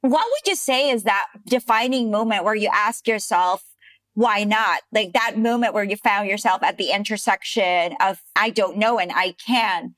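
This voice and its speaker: A woman hosting a podcast interview, upbeat and quick to laugh, with frequent fillers. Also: mid-range voice, a bit bright, no room sound. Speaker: podcast host.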